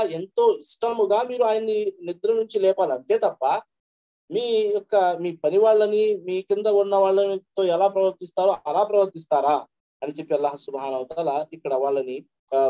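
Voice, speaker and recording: A male preacher delivers a sermon in a high-pitched voice. His tone is warm and dark rather than bright. He chants the verses slowly and then explains them in a quick conversational flow. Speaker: Islamic preacher.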